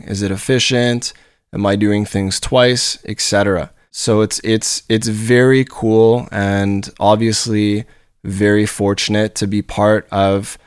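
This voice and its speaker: This solo podcast monologue comes from a Montreal, Canada man who hosts the show and leads a company; he sounds nasal, upbeat and rambling, often repeating words as he restarts. His lowish voice is smooth. The recording is dry and studio quality, made on a studio podcast microphone.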